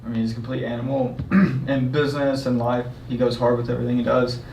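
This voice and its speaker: Man, flat delivery, distant from the mic in an echoey room; quiet guest. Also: mid-range voice, fast, a little hiss or hum. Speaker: podcast guest. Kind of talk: casual podcast chat.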